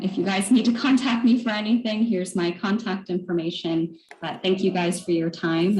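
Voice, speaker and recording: Woman presenter on video call, low-pitched, explanatory, echoey room. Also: a little mellow. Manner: explanatory, many fillers. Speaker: managing director presenter. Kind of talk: webinar presentation. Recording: echoey room with faint noise.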